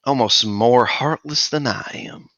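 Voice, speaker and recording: A man voicing a smug, menacing skeletal undead figure in a cloak, speaking softly and slipping into whispers. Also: medium pitch, unhurried, no room sound, muffled recording, pitched above the performer's own voice.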